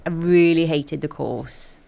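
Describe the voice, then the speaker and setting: A middle-aged woman speaks as an interview guest, her voice sitting low for a woman. She talks frankly and with energy, full of fillers. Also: unhurried, vocal fry. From Wales. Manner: frank, lively, lots of fillers. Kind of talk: candid conversational storytelling.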